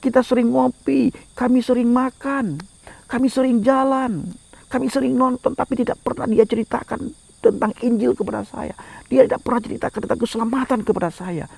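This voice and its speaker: A man voicing the accusing spirit of a dead friend, in a husky, gravelly tone. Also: very high voice, fairly even intonation, brisk, a little mellow, voice pushed up, full character voice, low-quality recording.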